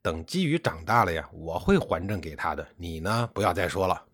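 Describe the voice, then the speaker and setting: Man playing mild-mannered ruler, earnest, measured, low, husky. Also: lively intonation, a bit bright, dry recording, studio quality, exaggerated voice. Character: honest, mild-mannered male ruler, patient and restrained.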